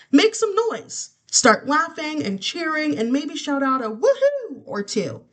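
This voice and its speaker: A woman reading a children's book aloud in a playful, animated way. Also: on the high side. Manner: lively, playful, wide-ranging delivery. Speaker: storyteller.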